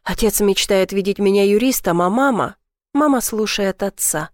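A woman voicing a quiet, troubled young man in an audiobook, speaking softly and low-key. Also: normal speed, no echo, studio quality, close to an everyday voice. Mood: earnest.

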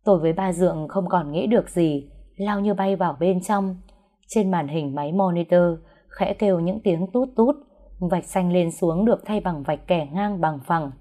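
A woman's voice: on the low side, normal speed, warm tone. A woman narrating an emotional first-person story, reading dialogue and pleading lines herself.

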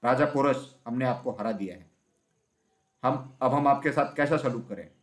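A man voicing a proud adult conquering king in a storybook reading, measured and commanding. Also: medium pitch, close to an everyday voice.

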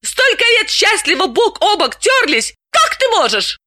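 A woman narrating an audiobook voices an excitable, pushy female friend in her thirties who speaks in shrill, emphatic exclamations. The delivery is agitated, exaggerated and at a moderate pace.

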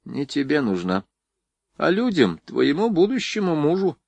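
A man's voice: on the high side, wildly swooping pitch, measured pace, gravelly, no echo, pitched above the performer's own voice, exaggerated voice. A man voicing a proper, mildly stern mother. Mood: gentle, stern. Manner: gentle but reproachful.

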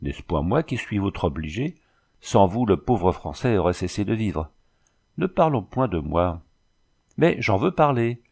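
A man reading the lines of a wounded young French engineer, emphatic and lifted in pitch. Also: sing-song, a little slow, creaky, darkish tone, breathy edge, full character voice. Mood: insistent.

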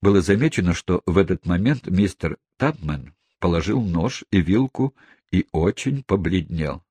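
Husky low male audiobook narrator. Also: normal speed, no room sound. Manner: expressive storytelling. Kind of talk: scripted narration.

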